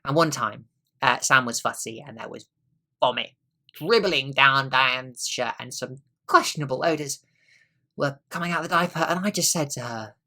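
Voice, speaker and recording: Brooding middle-aged husband played by a young man; bright tone, wry, drifts into quiet asides. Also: medium pitch, normal speed. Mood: weary. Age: young adult. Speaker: student actor. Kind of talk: stage monologue.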